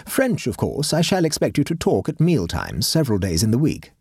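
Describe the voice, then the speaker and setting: A man's voice: medium pitch, huge pitch swings, fairly quick, a little mellow, slightly rough, no echo, studio quality, voice pushed up, full character voice. A man reading a story aloud and voicing a domineering, pompous wealthy woman who hires a governess. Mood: imperious. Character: imperious wealthy middle-aged woman employer.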